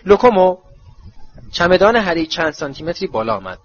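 A man narrating a storybook in an expressive, dramatic reading. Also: mid-range voice, breathy edge, dull audio. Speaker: audiobook narrator.

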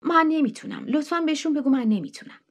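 A woman's voice: high voice, sing-song, pitched above the performer's own voice. A woman doing a frail, reluctant woman. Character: unwell tired woman, withdrawn.

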